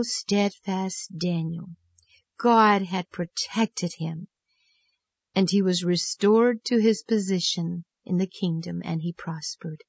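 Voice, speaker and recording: A woman's voice: medium pitch, no room sound. Woman children's Bible teacher, earnest storytelling, dull dry recording. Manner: earnest, gently emphatic storytelling.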